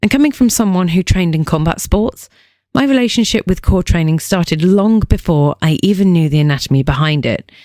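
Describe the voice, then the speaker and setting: A woman's voice: lowish voice, expressive, fairly quick, mellow, no room sound, clean studio sound. A woman fitness coach hosting a scripted podcast explainer, delivering punchy lines with playful joking asides.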